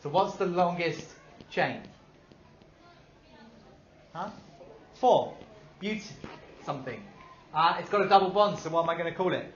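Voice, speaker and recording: An upbeat male teacher running a classroom lesson, quizzing the class and praising their answers. His voice sits a little high for a man. It is recorded in an echoey room, with a dull, slightly muffled sound and faint noise behind. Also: animated, measured pace, pauses often.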